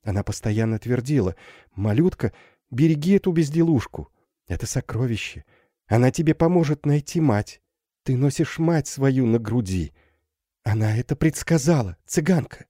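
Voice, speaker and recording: A man voicing a gentle, frightened young woman who pleads softly in an audiobook. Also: mid-range voice, animated, normal speed, dry recording, clean studio sound, pitched above the performer's own voice, lightly acted. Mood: tender. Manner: soft, pleading and breathless with fear. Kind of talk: audiobook character voice.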